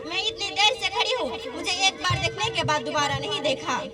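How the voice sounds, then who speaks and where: Brief: a woman as a young veiled woman lecturing, very high voice, loud crowd behind. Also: lively intonation, fairly quick. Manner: earnest, lecturing. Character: devout young woman preaching about veiling. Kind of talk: amateur religious skit.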